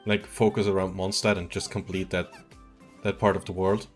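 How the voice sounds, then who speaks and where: A man's voice: sits low, level tone, moderate pace, faint music behind. Laid-back young guy from Switzerland. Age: 20s. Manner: rambling, laid-back, chuckles often. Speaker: game streamer. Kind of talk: casual stream chat. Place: at home.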